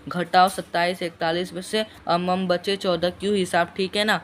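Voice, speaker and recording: Stern, forceful employer voiced by a male teacher, loud and pitched a touch high, in a classroom story reading. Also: flat delivery, normal speed, a little hiss or hum. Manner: louder, raised, emphatic delivery. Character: stern male employer, mocking then lecturing.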